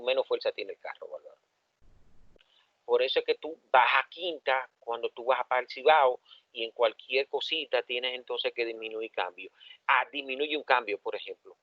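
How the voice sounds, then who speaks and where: A male engineering professor with a Dominican accent, giving a lively classroom lecture and asking the students questions. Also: medium pitch, no room sound. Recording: dull, dry lo-fi classroom recording.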